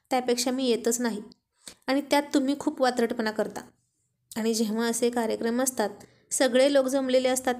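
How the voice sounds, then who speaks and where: Brief: woman narrator voicing a playful young wife in a storybook romance, high-pitched. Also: a little mellow, close to an everyday voice. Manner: playful, coaxing. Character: witty affectionate young wife.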